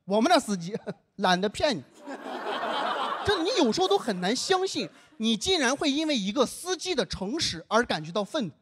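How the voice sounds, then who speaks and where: A young man from northern China telling a stand-up comedy story, acting out the dialogue with lively delivery. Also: very high-pitched, fairly quick, slight background noise.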